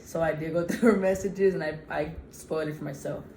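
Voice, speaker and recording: Mellow-voiced young woman, frank and chatty. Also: deep voice, steady tone, brisk, reverberant, a little hiss or hum, rough recording. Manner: frank, chatty, self-teasing. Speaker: vlog co-host. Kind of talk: casual Q&A vlog chat.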